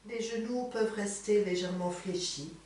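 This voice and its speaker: Soothing lady yoga teacher, soft mellow voice, talks slow, mic kinda far off in a roomy space. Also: mid-range voice. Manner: soothing, unhurried, gently encouraging. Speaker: yoga teacher leading a morning class. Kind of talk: slow guided yoga instruction. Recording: echoey room, distant mic, faint noise.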